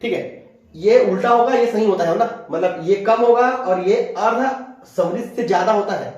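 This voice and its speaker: A fairly high-voiced man teaches a class in a lecture style, going over each point twice so his students can copy it down. His voice bounces around a very echoey room. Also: darkish tone, dull audio. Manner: repeats and dictates slowly for note-taking. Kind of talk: classroom lecture dictating notes.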